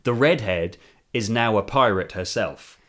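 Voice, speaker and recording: A man co-hosting a podcast in casual chat, laughing often and making quick asides. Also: lowish voice, fairly bright tone. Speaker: podcast co-host.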